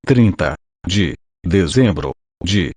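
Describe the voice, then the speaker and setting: A man's voice: low voice, lively intonation, slow, a little mellow, no echo. A synthetic male voice from an old speech synthesizer with a Brazilian accent, mechanically reading a formal text as an audiobook. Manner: mechanical scripted reading, spelling out punctuation.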